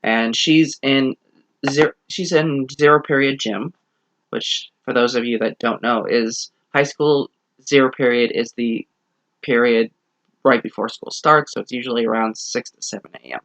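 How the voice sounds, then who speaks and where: A man talking through a book review in a loose, chatty way. He retells the plot at length and stops often to correct himself. His voice sits at a middling pitch. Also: steady tone, moderate pace, fairly bright tone. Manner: rambling plot summary with self-corrections. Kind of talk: casual book review vlog.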